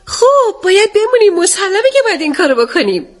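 A woman reading an audiobook, voicing a sharp-tongued, willful young English daughter who talks brusquely. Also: extremely high pitch, big pitch swings, pitched above the performer's own voice. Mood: impatient. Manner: brusque, impatient.

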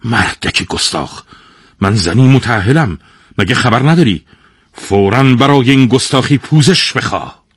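A man's voice: medium pitch, wildly swooping pitch, breathy edge, no echo, clean studio sound, voice pushed up. A man voicing a proud, commanding woman ruler from an old tale, speaking sternly. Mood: stern, indignant.

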